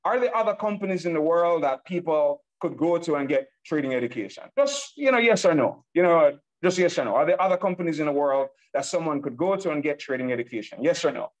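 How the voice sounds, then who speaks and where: Fast and expressive with hardly any pauses, a slightly high-voiced man from Nigeria delivers an excited sales presentation for an online business webinar on a laptop video call. The recording is low quality. He repeats himself and keeps calling out "ladies and gentlemen."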